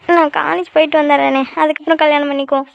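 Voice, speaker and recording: A young adult voice actor plays a college girl in love in a cartoon love story, pleading tearfully with her sweetheart in a shy, affectionate mood. Her voice sits high and creaky, with little pitch movement and a rapid-fire pace. The recording is dull, lo-fi and dry, with no echo.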